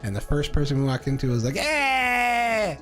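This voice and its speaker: Excitable swearing podcast guy. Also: racing, faint music behind. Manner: animated storyteller, swears freely, voice jumps high when excited. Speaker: podcast co-host. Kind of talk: casual chat.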